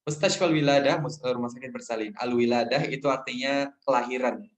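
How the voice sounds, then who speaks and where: A man's voice: medium pitch, a little fast, low-quality recording. A man teaching an Arabic lesson to a group online, explaining casually and thinking aloud with fillers.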